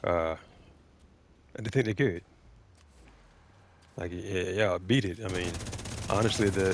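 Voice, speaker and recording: A man giving blunt, opinionated, defensive off-the-cuff commentary as a video game creator, with halting, emphatic phrasing. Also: deep voice, background noise.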